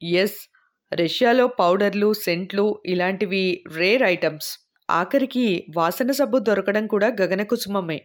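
Storybook male traveler who explains things plainly, read by a woman in her own voice, mid pitch. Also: measured pace, lightly acted. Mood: matter-of-fact. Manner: explanatory, matter-of-fact. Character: chatty man explaining life abroad. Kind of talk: audiobook character reading.

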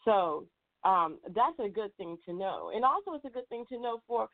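A woman's voice: medium pitch, expressive, normal speed. A woman hosting a radio podcast, talking in a chatty, casual way as she leads an interview. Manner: chatty, frequent fillers and restarts. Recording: tinny phone-like audio.

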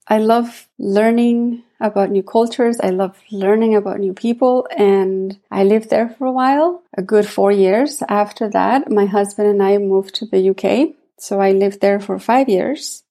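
Woman from mexico, spanish first language, chatty warm coach guest, mellow voice. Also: medium pitch, steady tone, normal speed, hardly any pauses. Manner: warm, chatty, laughs often. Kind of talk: casual interview chat.

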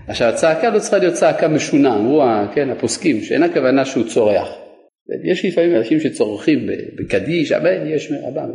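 This is a man teaching Torah as a rabbi, his voice mellow and of medium pitch. He quizzes his class and responds to his own questions, all captured in a room with long, echoing reverb.

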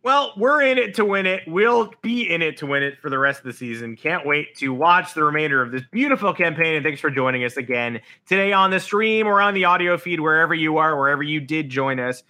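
A man hosts casual sports talk with a sharp, forceful voice pitched a little high. He sounds hoarse and worn out, and he talks in an animated, sarcastic style, acting out imagined quotes. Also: brisk, few pauses. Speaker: sports podcast host.

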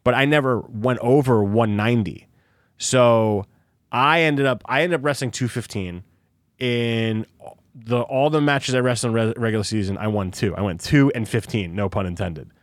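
Young man, casual podcast chat, animated storytelling, acts out quoted voices, middle pitch, dry close sound. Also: normal speed, no echo.

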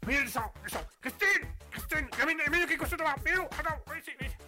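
A man's voice: very high voice, lively intonation, rapid-fire, sharp tone, soft background music, voice pushed up, heavily acted. A man playing a frantic person pleading with a cat to come down.

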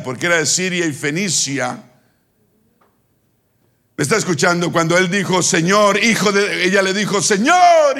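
A male preacher delivering a sermon, leading call-and-response with the congregation and acting out scripture with shouted peaks. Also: on the high side.

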